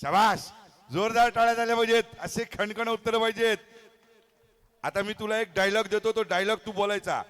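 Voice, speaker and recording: A man's voice: high-pitched, fairly even intonation, normal speed, a bit bright, clean tone. A man emceeing a live stage show, coaxing and teasing children in a playful way on a handheld mic outdoors. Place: outdoor stage at a hotel lawn.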